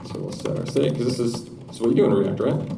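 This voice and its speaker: Man, live-coding talk, low gravelly voice, echoey hall from far off, noisy, joking asides. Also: huge pitch swings, fast. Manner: joking, self-deprecating asides. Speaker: conference speaker. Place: conference room with audience.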